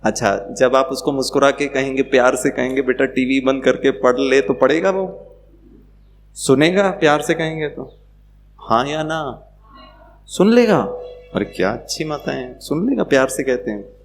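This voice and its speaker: A man giving a playful, animated spiritual talk to a live audience, acting out quoted voices. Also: medium pitch, normal speed, long pauses, faint music behind. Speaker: spiritual speaker.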